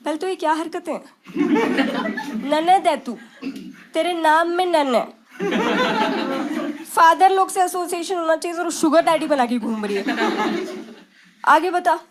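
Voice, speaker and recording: A young woman working a stand-up crowd in a brash, chatty way, her voice sitting high and bright. She slips English phrases into her talk. Loud noise hangs under the recording. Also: lively intonation, a little slow, long pauses. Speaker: stand-up comedian. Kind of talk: stand-up comedy set. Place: stage before a live audience.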